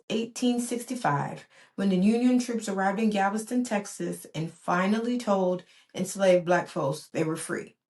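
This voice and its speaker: Hosting her own reflective solo podcast, a forties-aged woman born in Barbados and raised in the US speaks in a mid-range voice. Her delivery is earnest and rhythmic, marked by repeated emphatic phrases.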